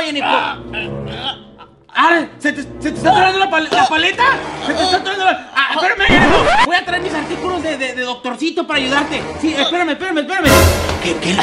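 A man playing a naive, childlike silly clown who plays doctor in a kids' slapstick sketch, babbling and repeating himself. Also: extremely high pitch. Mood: puzzled, eager. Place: living room at home. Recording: loud music over voice.

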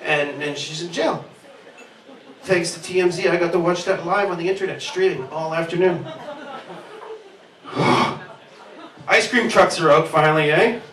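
Performing in a small pub basement, a stand-up comedian in his thirties rambles through a profane set that pokes fun at himself, using a handheld mic. His voice is on the high side and fairly bright, at a moderate pace with long pauses. Room filming gives a distant, roomy club sound.

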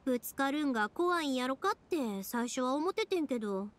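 In animated video game voice acting, a woman plays a cheery, talkative young fireworks maker with a Kansai accent. Her high voice is expressive and a little fast, chatty but thoughtful, with a slight hiss or hum in the audio.

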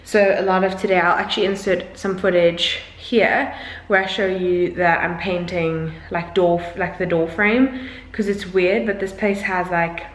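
A woman in her twenties, a vlogger, chats casually to a handheld camera held at arm's length, shooting in empty rooms and a parked car. Her voice sits on the low side with fairly even intonation, and she talks unhurriedly with hardly any pauses. She sounds upbeat and uses plenty of filler words, and the audio is reverberant.

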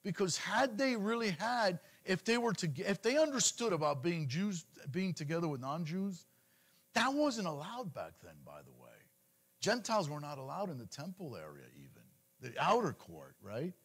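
This middle-aged man leads his congregation, preaching a sermon in an animated, conversational style and often repeating words. His voice is high with a breathy edge, and he speaks at a normal pace.

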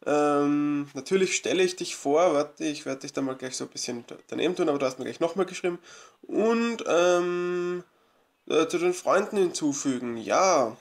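A man's voice: a little high, expressive, normal speed. A man casually commenting on his own gameplay as a let's play host, chatty and rambling with many fillers, eager and grateful toward his viewers.

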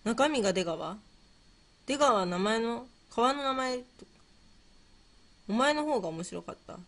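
Bright, lively woman streamer. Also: a little high, measured pace. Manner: playful and scatterbrained, musing aloud and repeating herself. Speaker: livestream host. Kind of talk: casual livestream chat, answering quiz questions and reading viewer comments.

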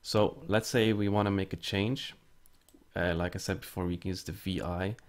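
A man's voice: low-pitched, steady tone, moderate pace. A man giving a casual step-by-step screen-recorded tech tutorial, explaining as he types commands with frequent fillers. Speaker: network tutorial presenter.

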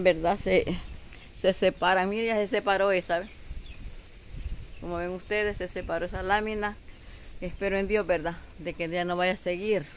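A Salvadoran woman filming herself outdoors at her rural home on a windy day, talking casually to her viewers and urging them again and again to look. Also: lowish voice. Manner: chatty, keeps calling on viewers to look, with frequent "¿verdad?". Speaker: vlogger.

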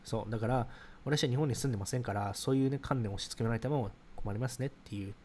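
A man's voice: mid-range voice, a little mellow, a little hiss or hum. A man in his thirties hosting a casual livestream, reading viewer comments aloud and answering them in a chatty, explanatory way. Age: 30s. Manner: rapid, chatty, explains ideas while reacting to comments.

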